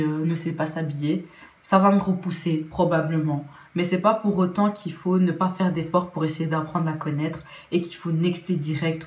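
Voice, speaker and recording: A woman's voice: lowish voice, darkish tone. A young Belgian woman with a Belgian French accent, talking earnestly in a casual opinion vlog, often restarting her sentences. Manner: earnest, with many restarts and fillers. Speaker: vlogger. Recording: roomy echo.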